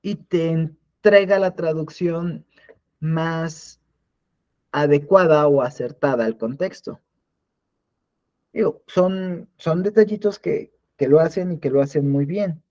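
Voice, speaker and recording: Guy teaching a live class online, bit high voice, muffled computer mic sound. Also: slow pace, a little mellow. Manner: conversational, many restarts and repeated words. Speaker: instructor.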